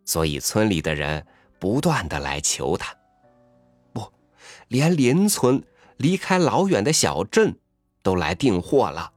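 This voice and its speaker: A man reading a story aloud in a soft, intimate, expressive way, sometimes dropping to a hush. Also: lowish voice, measured pace, no room sound, faint music behind.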